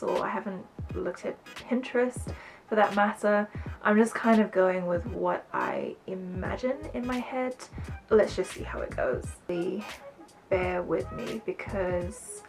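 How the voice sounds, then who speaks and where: Here the same sort of beauty vlogger, a woman of medium pitch, rambles chattily to camera and keeps adding self-conscious asides. UK-born and raised in South Africa as a teenager, she has a mostly British accent lightly flavored by South African and American speech.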